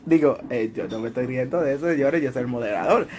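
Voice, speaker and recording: A man's voice: mid-range voice, fast talker, heavy background noise. A man hosting a casual show, reading viewer comments in a playful, laughing, theatrical way. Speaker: show host and moderator.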